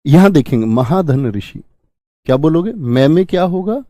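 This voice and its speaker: Man teaching in a mellow, close voice. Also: a little high, animated, moderate pace, no echo. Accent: Hindi. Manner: explains step by step, asks and answers his own questions; friendly, calls viewers friend and brother. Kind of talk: online grammar lesson.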